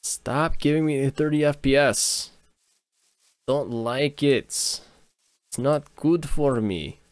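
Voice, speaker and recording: A man's voice: mid-range voice, slow, clear, resonant tone, no room sound. A man with an American accent rambling casually to his viewers while livestreaming a game, often restarting and correcting himself. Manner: rambling, self-interrupting, chatting with viewers. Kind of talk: casual gaming livestream chat.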